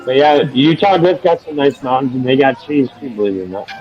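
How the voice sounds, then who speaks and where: A man's voice: medium pitch, animated, brisk, dull audio, faint music behind. A man hosting a live stream, chatting casually with loose, profane banter.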